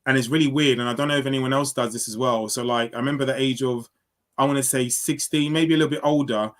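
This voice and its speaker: A man's voice: mid-range voice, fairly even intonation, fast. A man in his thirties from London, answering interview questions in a reflective, casual way with many fillers and restarts. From London, England. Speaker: football guest.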